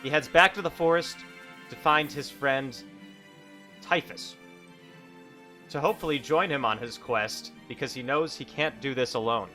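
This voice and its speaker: A hungover man improvising casual narration as a solo game master, halting and correcting himself as he goes. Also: medium pitch, sharp tone, soft background music.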